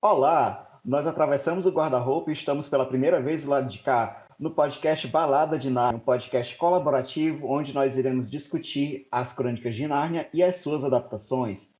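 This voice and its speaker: A man's voice: mid-range voice, normal speed, few pauses, a little mellow. A man in his thirties from Maranhão, Brazil, hosting a casual group podcast in a playful, talkative way. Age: 30s. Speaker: podcast host. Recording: dull lo-fi recording.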